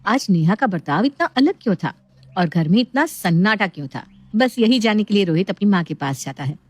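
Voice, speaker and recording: A woman narrating an animated family story in a calm, even, scripted style. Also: mid-range voice, a little fast.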